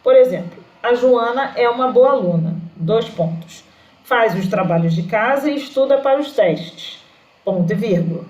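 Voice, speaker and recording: Woman teacher going slow thru a grammar lesson, higher voice, echoey room. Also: lively intonation, darkish tone. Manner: slow, patient explaining with fillers.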